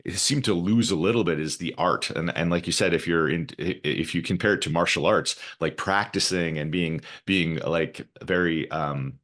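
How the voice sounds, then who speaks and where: Podcast host, man from Alberta, Canada; very low voice, upbeat, rambling, casual. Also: moderate pace, few pauses, a bit bright. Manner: upbeat, rambling, with repeated words. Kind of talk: casual interview chat.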